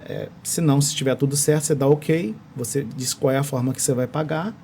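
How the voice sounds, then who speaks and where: A man's voice: medium pitch, steady tone, brisk, gravelly, mellow, slight background noise. Brazilian man explaining tech, searching for words. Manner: explanatory, many restarts while searching for words. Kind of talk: casual podcast explanation. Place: podcast studio. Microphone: studio microphone.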